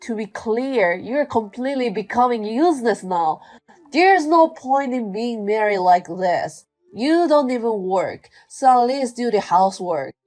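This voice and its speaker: Cold, scolding husband voiced by a woman, slow, with a dark tone, for a domestic drama. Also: on the high side, animated, faint music behind. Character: scornful, demanding young husband. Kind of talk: scripted domestic drama dialogue.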